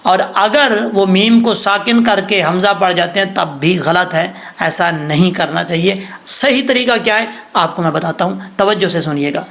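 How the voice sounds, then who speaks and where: A man teaching Quran tajweed patiently, breaking into slow recitation of verses. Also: high voice, gravelly, fairly bright tone. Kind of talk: recorded recitation lesson.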